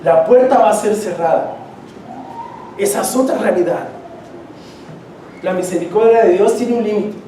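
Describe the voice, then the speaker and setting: In a church sanctuary, a preacher with a mellow, medium-pitched voice speaks at normal speed, pausing often. His sermon is emphatic, repeating key phrases and putting direct questions to the congregation. The recording is echoey, taken from a distance, with slight background noise.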